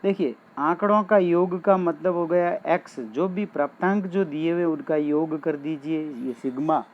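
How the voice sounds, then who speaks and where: A male maths teacher giving a classroom lesson, talking straight to his students and explaining each step. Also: on the high side. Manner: addresses students directly, slow and explanatory. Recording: dull lo-fi sound with faint background noise.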